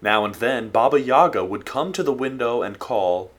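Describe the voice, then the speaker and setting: Husky-voiced man narrating a folk tale. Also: mid-range voice, animated, normal speed, a bit bright. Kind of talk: storybook narration.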